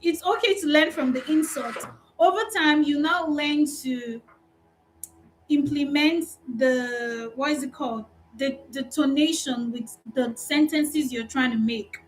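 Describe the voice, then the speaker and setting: A woman with a Nigerian accent, a customer support recruiter giving an animated, encouraging talk in a live online training session. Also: sits high, a little slow, soft background music, low-quality recording.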